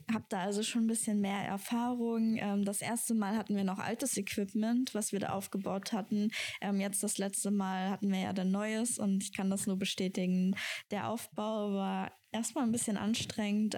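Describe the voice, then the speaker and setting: A woman's voice: mid-range voice, a little mellow. Young woman leading a casual podcast chat. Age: 20s. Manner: upbeat, with frequent "ähm" fillers. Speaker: podcast co-host, apprentice.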